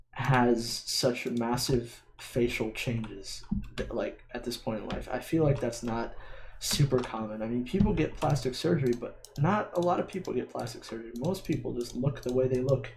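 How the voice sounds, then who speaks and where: Sitting at a computer in a dim home room, a young male gaming vlogger talks in a rambling, hesitant way with a slight lisp on S. His mid-range voice moves at a moderate pace, with a little hiss or hum and the sound of keyboard and mouse clicking.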